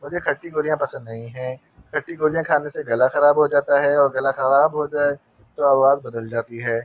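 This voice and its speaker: A man's voice: fairly high pitch, fairly even intonation, a little fast, no echo, close to an everyday voice. Man doing a teasing, joking male spy. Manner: silly teasing wordplay. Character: mocking male spy joking with his captive. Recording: dull dry narration recording.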